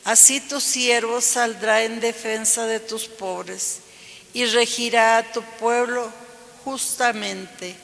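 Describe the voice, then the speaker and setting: A cantor at mass, a man with a very high voice, recites the psalm in a slow, measured way and sings the alleluias. His bright tone is carried by a long cathedral echo. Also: fairly even intonation, creaky. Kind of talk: liturgical reading with sung refrains. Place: large church. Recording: long church reverb.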